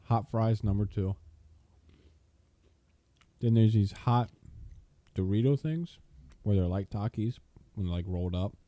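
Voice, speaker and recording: A man's voice: on the low side, unhurried, long pauses, dark tone, no room sound. A young man co-hosting a casual podcast, laid-back and teasing as he jokes around. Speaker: co-host.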